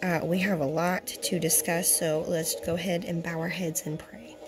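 A young woman with a hoarse, partly lost voice, giving a religious teaching as host and often clearing her throat. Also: lowish voice, level tone, moderate pace. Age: young adult. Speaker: fellowship host and Bible teacher. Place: small indoor room. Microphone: phone at arm's length.

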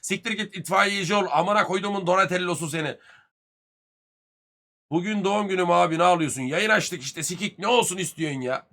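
Male streamer, 30s, a touch high, bright edgy tone, crude swearing banter with chat. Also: a little fast. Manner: lively, swings loud and soft. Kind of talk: casual live-stream chat with viewers.

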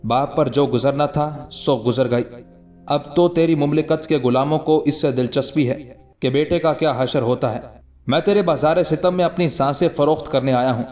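A man voicing a calm, mocking ascetic holy man in a read-aloud historical story, with measured, scornful delivery. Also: fairly high pitch, soft background music, natural voice. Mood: defiant.

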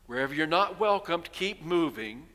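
He's an older pastor in his sixties with a voice on the high side, animated, bright, and forceful, speaking at normal speed. Standing at the pulpit of a large sanctuary, he tells stories, voices townspeople, and poses rhetorical questions. The headset-mic recording has the long reverb of a church hall.

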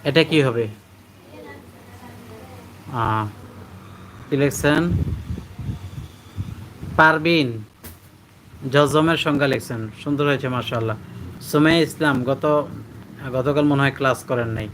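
Man drilling Arabic letters in a bright voice. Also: medium pitch, a little hiss or hum. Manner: patient, repeats letters and syllables slowly to drill pronunciation; reads out students' answers and praises them. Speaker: Quran teacher. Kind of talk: live online class.

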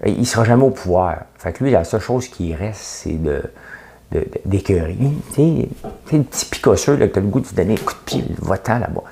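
Deep, gravelly and dark in tone, a middle-aged Québécois man talks briskly as the host of his own daily commentary show. He's chatty and opinionated, trading sarcasm and self-deprecating jokes while saying "tu sais" constantly.

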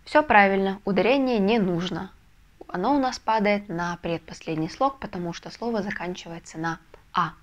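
A woman teaching a video lesson, explaining step by step with patient, soft confirmations. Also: medium pitch, normal speed, muffled recording. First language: Russian. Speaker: Spanish language teacher. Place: language school in a Russian city.

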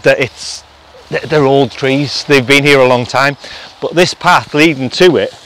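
Walking and talking outdoors in a forest, a middle-aged vlog host restoring a château explains and speculates at an unhurried pace. His mid-range voice is a bit bright, and the poor audio carries slight background noise.

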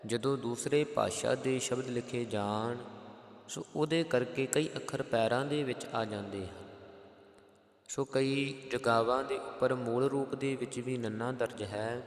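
A man with a Punjabi accent teaching scripture pronunciation, chanting verses slowly and then explaining each letter. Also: medium pitch, reverberant, big-room sound. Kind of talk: Gurbani pronunciation lesson with sung recitation.

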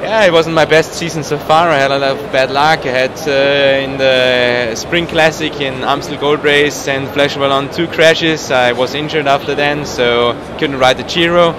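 His intonation stays fairly even and his pitch medium as he talks at a moderate pace with few pauses. He's a professional cyclist around thirty, not native to English, feeling for his words in an informal interview at an indoor trade show booth amid loud hall ambience.

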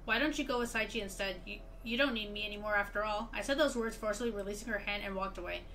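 A woman reading aloud the diary of a grieving young woman, in a soft, subdued way. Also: medium pitch, quick pace, slight background noise, voice pushed down, rough recording. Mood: sorrowful.

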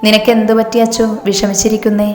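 A woman's voice: medium pitch, level tone, fast talker, darkish tone, echoey room, in a large hall, soft background music, close to an everyday voice. A woman voicing a young female friend in a read-aloud story who teases and comforts in a coaxing manner. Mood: teasing.

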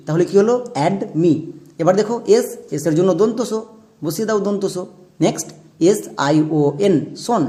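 A man's voice: high voice, warm tone. A man teaching English pronunciation in a classroom-style lesson, spelling out words letter by letter and asking his viewers questions as he explains.

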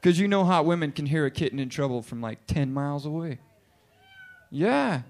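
A man doing a crude, animated stand-up routine in a bar and grill, acting out characters as he goes. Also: fairly high pitch, moderate pace. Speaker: stand-up comedian.

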